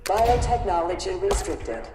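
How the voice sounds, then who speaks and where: A woman voicing a calm automated security announcement over a facility loudspeaker, in a measured recorded-message delivery. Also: medium pitch, music in the background. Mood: flat. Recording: echoey distant loudspeaker with noise.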